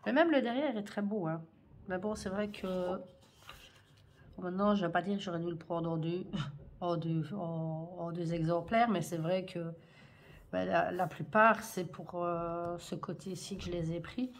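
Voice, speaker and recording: A scrapbooking vlogger chats hesitantly through a craft haul, using lots of fillers and gushing over cute items in a casual show-and-tell. Her voice is lowish and steady, at a measured pace, with slight background noise.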